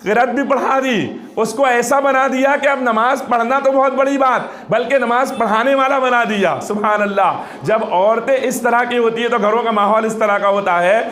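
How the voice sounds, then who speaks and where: A man preaching to a gathering in a very high voice, telling a story and voicing each side of the conversation. He urges his listeners to pause and reflect. The sound carries a strong echo from the room. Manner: animated storytelling, acting out dialogue, calling for reflection. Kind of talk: storytelling sermon. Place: religious gathering with audience. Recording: echoey room.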